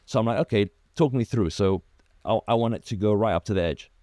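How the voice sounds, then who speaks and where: Brief: low, mellow male founder, animated storyteller, dry close sound. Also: fast talker, dry recording. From Iraq. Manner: animated storyteller, acts out quoted dialogue, many restarts. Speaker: car detailing business founder, guest. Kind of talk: casual interview chat.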